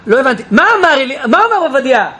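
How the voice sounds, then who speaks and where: A man teaching a Bible class in an animated way, questioning his listeners and acting out quotes. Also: very high voice, a faint crowd. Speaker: Torah teacher. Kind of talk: lively Bible class lecture.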